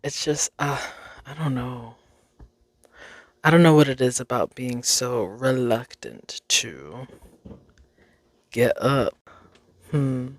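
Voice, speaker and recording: A woman's voice: a bass voice, slow pace, pauses often, no room sound. A young woman hosting a casual solo podcast, rambling, interrupting herself and swearing freely. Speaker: podcast host.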